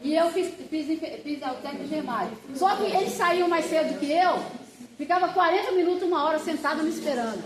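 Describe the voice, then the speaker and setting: A woman's voice: high-pitched, a little fast, crowd noise. A woman pastor teaches a Bible class, talking straight to her students and acting out anecdotes as she goes. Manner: chatty, animated storyteller who acts out quotes and addresses the class directly. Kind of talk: classroom lesson with personal anecdotes. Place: church classroom with a group of students. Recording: echoey church room with class audience.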